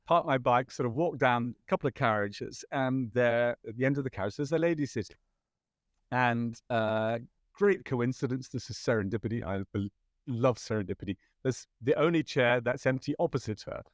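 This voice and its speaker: British man, guest storyteller, mid-pitched, rambling and self-deprecating, dry close sound. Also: normal speed, no room sound. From Britain. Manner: rambling anecdotal, self-deprecating, frequent restarts. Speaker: podcast guest, photographer. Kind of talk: conversational storytelling.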